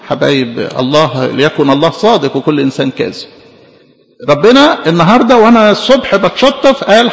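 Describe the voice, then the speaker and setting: A man preaching a sermon with an Egyptian accent, fervent and rising to emphatic outbursts, calling his listeners dear ones. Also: high voice. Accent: Egyptian Arabic. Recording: long hall reverb.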